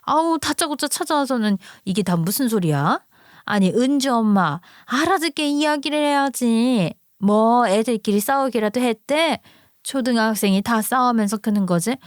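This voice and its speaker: A woman's voice: fairly high pitch, expressive, moderate pace, no room sound, studio quality, close to an everyday voice. A woman voicing a dismissive, snippy middle-aged mother who scoffs and gets defensive. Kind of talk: storytelling acting.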